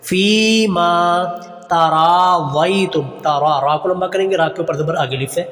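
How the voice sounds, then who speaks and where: A male Quran teacher giving a recitation lesson, drawing out slow chanted phrases and then explaining in quick, plain speech. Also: fairly high pitch, big-room sound, faint music behind.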